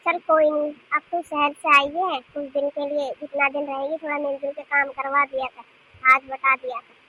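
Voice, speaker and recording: A woman voicing a nagging old mother-in-law in an animated cartoon, calling loudly for her daughters-in-law and questioning them. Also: high voice, normal speed, narrow, tinny audio, close to an everyday voice. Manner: scolding, questioning, loud calls.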